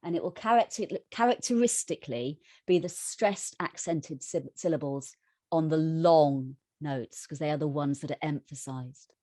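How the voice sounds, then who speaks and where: A woman's voice: low voice, normal speed, mellow, dry recording, clean studio sound. A woman tutoring an online music workshop, explaining thoughtfully with frequent restarts and self-corrections.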